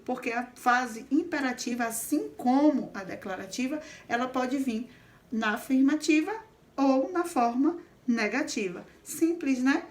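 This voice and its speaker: A woman's voice: high voice, measured pace. Patient woman teaching grammar. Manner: explains patiently, checks in with frequent "certo?". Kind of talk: classroom grammar lesson.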